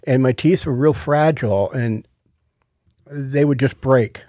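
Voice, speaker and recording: A middle-aged man co-hosts a podcast, giving a personal testimony earnestly yet casually. His speech is toothless and lisping after oral surgery, and his mid-range, mellow voice is a little slow, recorded dry with clean studio sound.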